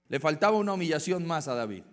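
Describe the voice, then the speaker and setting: A man preaching a dramatic sermon that swings from loud, urgent passages to hushed ones. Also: on the high side. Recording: echoey hall.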